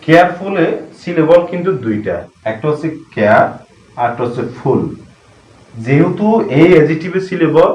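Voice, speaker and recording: A man with a Bangladeshi Bengali accent teaching English grammar in a slow, classroom-style lesson, repeating key terms and asking and answering his own questions. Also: a little high, expressive, darkish tone. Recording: echoey room, mic at a distance.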